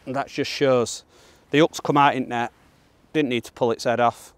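Presenting a fishing guide from the bank of a pond, a Northern English man of about thirty gives casual instructional commentary as he fishes. He is plain-spoken, colloquial and matter-of-fact, with a clean-toned, medium-pitched voice, fairly even intonation and a moderate pace.

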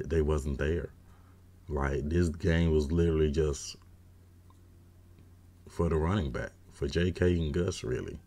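A man in his thirties giving casual, opinionated postgame football commentary from a small room at home on a webcam, with lots of slang and fillers. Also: a bass voice. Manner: opinionated, gets loud and exasperated when ranting. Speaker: sports fan commentator.

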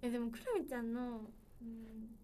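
Young woman, livestream host, playful casual chat, fairly high voice, faint background noise. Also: fairly even intonation, normal speed, warm tone. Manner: playful and chatty, addressing viewers directly.

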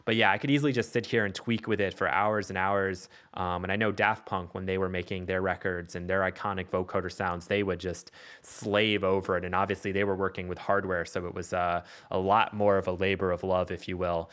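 A man thinks aloud informally while demonstrating in a casual music production tutorial, speaking as voice-over on a screen recording. His voice is low, level, brisk and a bit bright, with electronic music and loops in the background.

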